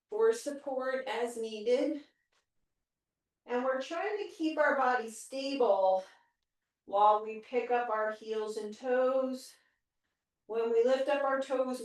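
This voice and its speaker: A woman instructing a home workout, giving encouraging cues and countdowns as an exercise instructor. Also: a little high. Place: indoor room. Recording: very echoey room, distant microphone.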